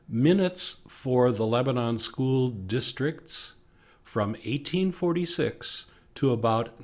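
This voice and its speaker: American male narrator for local history, medium pitch, unhurried scripted read.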